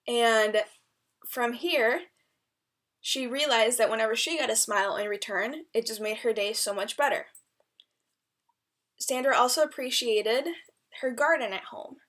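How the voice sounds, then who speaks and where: A woman delivering a prepared eulogy speech in an earnest, deliberate way, with an occasional stumble. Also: on the high side, a bit bright. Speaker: eulogy speaker, friend of the deceased.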